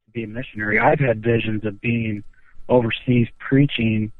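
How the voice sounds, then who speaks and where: A man's voice: mid-range voice, moderate pace, vocal fry, no room sound. A man calling in as a missionary, speaking earnestly over a muffled phone line that sounds like he is talking into a cup. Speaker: caller, missionary. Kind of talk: casual on-air chat.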